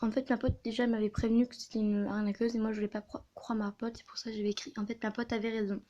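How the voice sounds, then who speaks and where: A woman telling a story in a casual video, talking quietly and hesitantly with many fillers and restarts. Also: fairly high pitch, flat delivery, fast, highs cut off. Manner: soft-spoken, quiet. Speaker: video creator.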